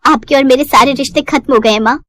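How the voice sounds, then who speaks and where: A woman's voice: high-pitched, fast talker, a bit bright, no room sound. A woman voicing a young bride who speaks coldly and reproachfully to her greedy family. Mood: bitter. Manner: cold, reproachful.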